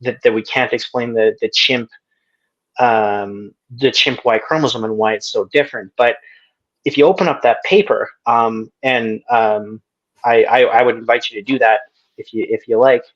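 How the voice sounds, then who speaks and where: A man's voice: mid-range voice, normal speed, muffled recording. A man joining a debate stream as a guest, speaking casually with many hesitations and restarts.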